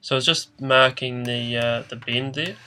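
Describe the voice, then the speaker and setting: A man's voice: medium pitch, fairly even intonation, moderate pace, pushed and bright. A man giving an informal, hesitant how-to voice-over in a matter-of-fact way, his voice nasal and congested as if he has a blocked nose. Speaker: DIY car repair presenter. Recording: noticeable background noise.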